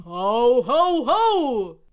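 A jolly, bumbling Santa Claus voiced by a woman holds court in a comedy sketch. He booms his ho-ho-hos and speaks slowly, in a mock-solemn, unhurried way. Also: expressive, clean tone. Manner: booming ho-ho laughs, slow and mock-solemn.

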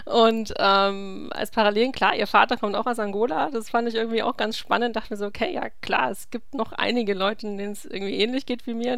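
Young woman podcast guest, creaky voice, hesitant and casual. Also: mid-range voice, no echo, studio quality. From East Germany. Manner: hesitant, many fillers. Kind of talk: casual interview chat.

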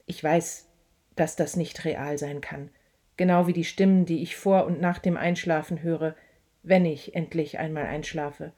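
Dark-voiced woman reading prose. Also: low voice, fairly even intonation, a little slow. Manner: tense, intense first-person reading. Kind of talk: scripted reading of a literary passage.

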